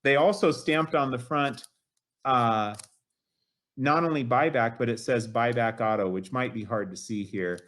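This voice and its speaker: A bit bright and measured in pace, this medium-pitched man is a collector in his late fifties being interviewed casually on a show. He rambles enthusiastically, using "you know" often.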